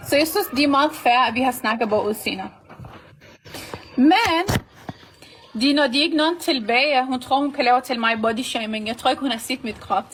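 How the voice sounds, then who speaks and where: A woman hosting a casual livestream, talking in a rambling, halting way with broken grammar. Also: sits high, fairly bright tone, slight background noise, rough recording.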